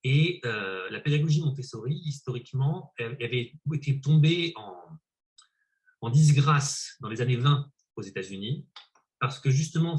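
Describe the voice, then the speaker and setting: A man's voice: mid-range voice, a little mellow. A man interviewing at a conference, posing a detailed, thoughtful question.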